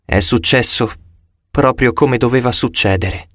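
Heartbroken young satyr boy, soft and low, read by a male narrator, audiobook. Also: slow pace, no echo, studio quality, close to an everyday voice. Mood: grieving. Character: young male satyr, grief-stricken and gentle.

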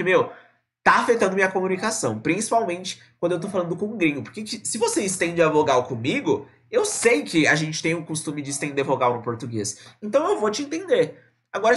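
A man from Brazil teaching a live online English lesson, casual and chatty, repeating words slowly to model pronunciation. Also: a little high, fairly bright tone. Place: indoors at a computer, streaming live.

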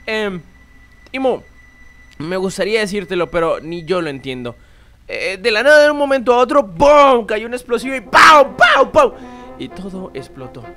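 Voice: medium pitch, moderate pace, long pauses, lightly acted. A performer playing a nervous father who hesitates and stammers with many fillers.

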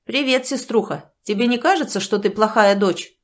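A woman voicing a grumpy adult brother who talks to his sister in a gruff, accusing, blunt way. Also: a little high, normal speed, close to an everyday voice. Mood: reproachful.

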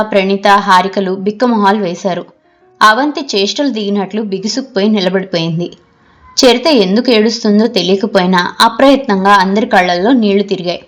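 A woman narrating a novel as an audiobook reader, in a measured, expressive storytelling manner. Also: medium pitch.

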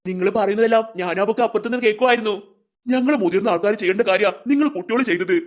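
Brisk, coaxing performer for a family comedy skit, mid-pitched.

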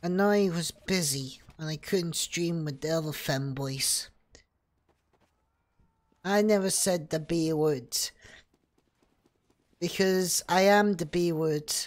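A young man streaming a game while drunk, rambling and boasting playfully, with sudden shouts when fights break out. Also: on the high side, takes it slowly, pauses often. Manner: bursts into shouting during fights. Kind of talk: drunken gameplay chatter.

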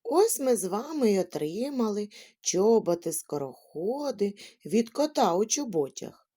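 A woman's voice: mid-range voice, very animated, unhurried, mellow, breathy edge. A woman teaching a lesson to small children in a sing-song, addressing manner.

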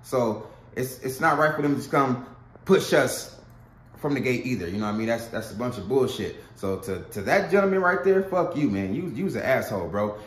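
A man's voice: mid-range voice, expressive, brisk, reverberant. A young man vlogging in casual street slang, tagging "man" onto nearly every phrase. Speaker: YouTuber. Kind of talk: vlog intro and recording a confrontation.

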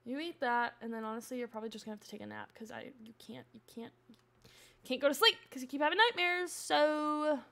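A woman's voice: high-pitched, fairly quick, creaky. A young woman streaming a life-sim game from home, chatting casually with her viewers and reacting as she plays. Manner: chatty and excitable, reading chat aloud. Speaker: Twitch streamer. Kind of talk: casual gameplay streaming chat.

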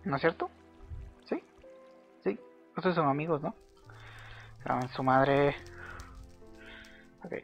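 A man's voice: on the high side, gravelly. Chatty man muttering over gameplay. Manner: chatty, mutters and repeats words rapidly while playing. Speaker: gaming video host. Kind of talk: casual gameplay commentary. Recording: slightly dull lo-fi audio with faint music.

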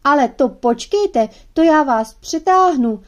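A woman's voice: sits high, animated, lo-fi sound, pitched above the performer's own voice. Narrator reads a little boy, determined and eager, storybook tone. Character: small boy, determined and stubborn.

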